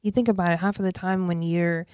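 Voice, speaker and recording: A woman in her twenties, a guest artist chatting on a podcast, talking in an animated way and sometimes dropping into a whisper. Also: lowish voice, quick pace, clean tone, no room sound, studio quality. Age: 20s. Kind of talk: casual podcast conversation.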